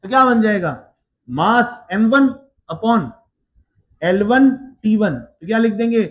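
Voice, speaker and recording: High voiced guy teaching physics, slow and deliberate, kinda dull lo-fi sound. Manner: slow and deliberate, checking students often. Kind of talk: classroom lecture.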